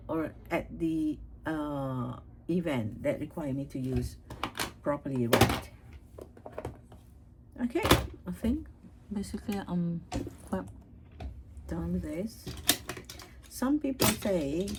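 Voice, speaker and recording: A woman's voice: sits low, a little mellow, a little hiss or hum, low-quality recording. A woman vlogger chatting casually about makeup, rambling with lots of fillers and restarts. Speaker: beauty vlogger.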